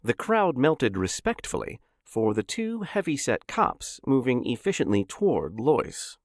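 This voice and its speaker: A man narrating a story in an expressive, dramatic audiobook style into a close mic. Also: medium pitch, a little slow, no echo. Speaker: narrator and host.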